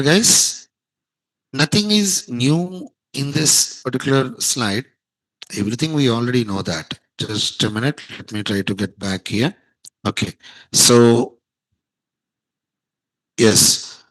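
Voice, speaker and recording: A man's voice: medium pitch, animated, slow, pauses often, fairly bright tone, no room sound, low-quality recording. A man teaching a programming class, quizzing students and repeating key terms. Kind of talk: classroom lecture.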